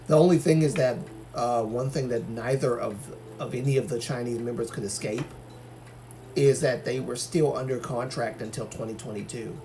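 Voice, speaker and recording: With a warm tone and medium pitch, this man speaks at a moderate pace over slight background noise. He's hosting a livestream from Algeria, casually reacting to viewer comments and giving opinions, with lots of fillers and restarts.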